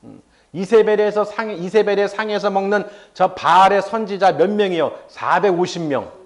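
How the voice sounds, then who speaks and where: Male pastor, fairly high voice, lively sermon with acted-out dialogue and questions to the congregation. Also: normal speed.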